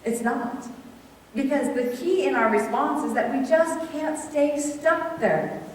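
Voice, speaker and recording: A middle-aged woman giving a conversational sermon at a women's event, telling personal stories in an animated, chatty way. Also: high voice, slow, a little hiss or hum. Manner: animated, chatty storytelling with audience questions. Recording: distant voice in a reverberant hall.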